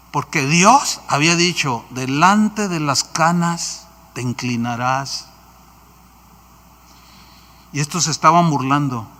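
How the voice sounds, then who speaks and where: High, bright Mexican-accented preacher. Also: male voice, big-room sound. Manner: animated storytelling, acts out quotes. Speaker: pastor. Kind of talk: sermon.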